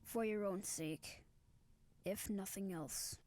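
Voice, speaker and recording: A woman's voice: medium pitch, slow, darkish tone, lightly acted. A woman playing a haughty, superior girl leader in a video game, speaking tersely. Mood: stern warning. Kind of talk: video game character acting. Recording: noisy distant game audio.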